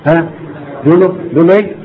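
A man's voice: a little high, racing. A man with an Egyptian accent giving an Islamic lesson to a class, repeating his points and firing rhetorical questions at his listeners. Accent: Egyptian Arabic. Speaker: religious teacher. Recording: dull lo-fi recording, faint noise.

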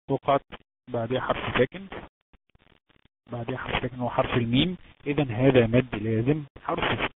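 A man with an Egyptian accent teaching Quran recitation rules in an online lesson, explaining step by step and quizzing his students. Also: medium pitch. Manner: explains step by step, asks students questions, drawn-out chanted examples. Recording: tinny noisy phone-like line.

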